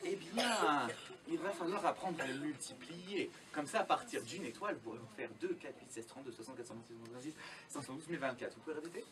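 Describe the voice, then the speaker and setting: A man plays a children's party magician at a live magic show, playful and theatrical, coaxing the young audience with questions and instructions. His voice is a little high and quick with few pauses, and the distant live recording is very noisy, with the children audible.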